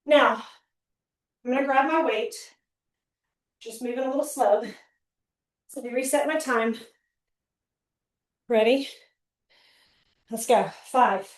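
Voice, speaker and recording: A woman's voice: a little high, takes it slowly, pauses often. A woman fitness trainer leading a home workout class, counting reps and giving upbeat cues while she gets out of breath. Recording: very echoey room, mic at a distance.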